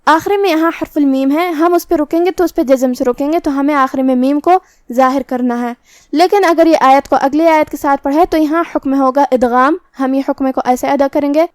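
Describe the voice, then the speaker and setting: A woman with a high voice teaches the rules of recitation, walking through each one step by step. She keeps a calm, methodical teaching pace. The recording is dry and close, with no room sound. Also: no room sound. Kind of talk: tajweed lesson explaining rules.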